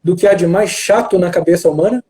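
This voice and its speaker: Man, high pitch, mellow tone, animated storyteller, video call. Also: quick pace, poor audio. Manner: animated storyteller who acts out dialogue, frequent restarts. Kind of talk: storytelling in a live video chat.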